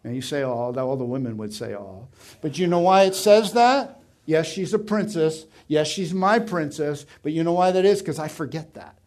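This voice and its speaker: A man's voice: on the high side, moderate pace, a little mellow. A middle-aged man preaching a sermon as pastor, with an emphatic, varied delivery.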